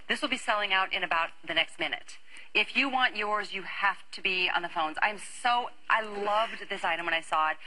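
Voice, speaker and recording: A middle-aged woman hosting a home shopping show, delivering an enthusiastic, chatty sales pitch in a TV studio. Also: normal speed, bright, forceful tone, rough recording.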